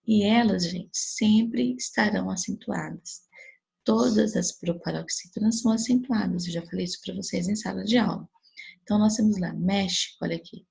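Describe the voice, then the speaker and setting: A Brazilian woman teacher talks through a grammar review in a patient, steady way, often pausing to check that the class follows. Her voice is very gravelly and rough. It is also strongly husky, with a breathy edge. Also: medium pitch. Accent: Brazilian Portuguese. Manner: patient explaining with frequent checks like "né?" and "tá?". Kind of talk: recorded grammar review lesson.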